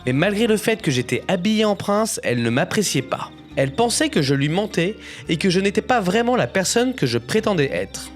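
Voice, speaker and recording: A man playing young Aladdin, telling his own adventure in expressive, suspenseful storybook narration. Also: high voice, a little fast. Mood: expressive narrating. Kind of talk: dramatic scripted first-person storybook narration. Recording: music bed behind narration.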